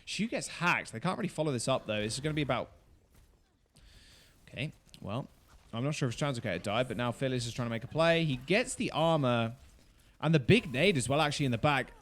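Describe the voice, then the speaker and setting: A man casually breaking down a game replay, reacting loudly and swearing often as the plays unfold. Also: medium pitch, lively intonation, a little fast. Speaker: esports streamer and analyst.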